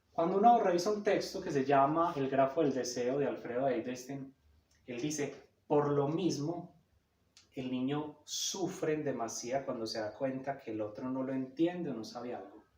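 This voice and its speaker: A man's voice: medium pitch, normal speed, darkish tone. Male lecturer, emphatic teaching tone, echoey room, sits back from the mic. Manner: didactic, emphatic, checks in with "cierto?". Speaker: psychoanalysis lecturer. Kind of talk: explanatory talk on psychoanalysis. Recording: roomy echo, a bit far from the mic.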